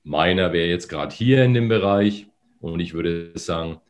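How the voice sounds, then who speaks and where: Male voice coach, lowish and slightly phlegmy, teaching with demonstrations. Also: unhurried. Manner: instructive, demonstrates with hums and sung lines. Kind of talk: demonstrating voice exercises in a podcast.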